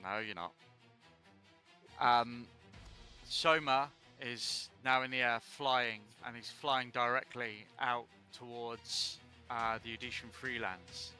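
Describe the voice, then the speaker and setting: A man running a tabletop game as dungeon master on a live stream, narrating deliberately and often correcting himself as he goes. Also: mid-range voice, level tone, sharp tone, faint music behind. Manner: slow, deliberate narration with restarts and self-corrections.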